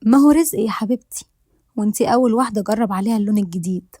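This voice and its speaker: A woman's voice: mid-range voice, racing, dark tone, no echo, lightly acted. Woman playing cheeky young neighbor, Egyptian accent, gossipy and bubbly, dry close voice. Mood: cheerful. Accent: Egyptian Arabic.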